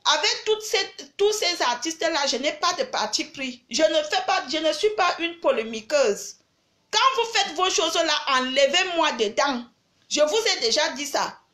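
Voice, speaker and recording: An older woman from Cameroon who has a cold hosts a live video chat with her followers, lecturing them emphatically. Her high-pitched voice is animated and sharp, and she speaks at a moderate pace.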